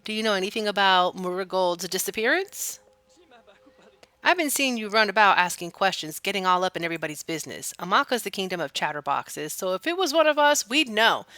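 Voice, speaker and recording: A suspicious, folksy farm villager voiced by a woman grumbles in video game dialogue. The voice is bright and sharp, recorded very dry. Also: mid-range voice, lively intonation, fairly quick, dry recording. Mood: suspicious, grumbling. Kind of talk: video game character read-aloud.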